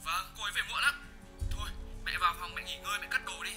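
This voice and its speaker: A woman's voice: medium pitch, very fast, pushed and bright, faint music behind. A woman voicing an exasperated young son who whines at his mother. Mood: placating. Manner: whiny, exasperated.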